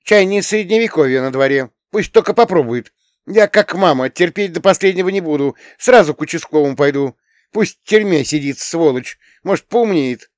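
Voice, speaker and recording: A spirited teenage girl, blunt and proud, her voice pitched high and pushed loud. She scolds with quick indignation, as a male reader puts her on for an audiobook. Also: expressive, no room sound, studio quality, lightly acted. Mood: indignant.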